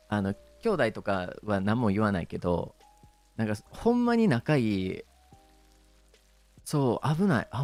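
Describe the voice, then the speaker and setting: A man's voice: mid-range voice, darkish tone. A man with a Kansai Japanese accent chatting casually on a stream, hesitant and full of fillers, laughing often.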